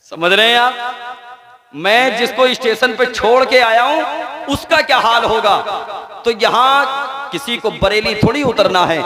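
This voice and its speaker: Preacher, male, Rampur accent, animated sermon storyteller, high voice, audience laughter heard behind. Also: measured pace. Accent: Rampur, Uttar Pradesh. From India. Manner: animated storyteller acting out dialogue. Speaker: Islamic preacher. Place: gathering before a live audience. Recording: live audience crowd noise.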